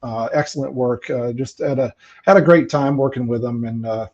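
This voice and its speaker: Man, company representative, informal webinar talk, dark mellow voice, halting delivery, dull lo-fi audio. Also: medium pitch, fairly even intonation. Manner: halting, searching for words. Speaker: company representative at a recruiting event.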